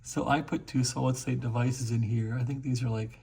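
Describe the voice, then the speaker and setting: Working at an indoor bench, a man restoring equipment gives a casual, hands-on demo of a receiver, chatting and explaining as he goes. His mid-range voice is steady, fairly quick, creaky, darkish, and slightly rough.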